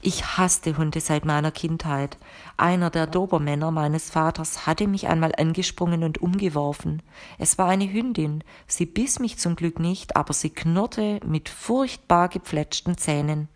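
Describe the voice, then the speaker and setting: Woman narrating a first person audiobook, low voice, steady even reading. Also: unhurried.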